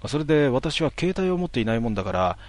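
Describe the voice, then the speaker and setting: A man telling a ghost story in a hushed voice, with drawn-out words and dramatic pauses. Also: medium pitch, big pitch swings.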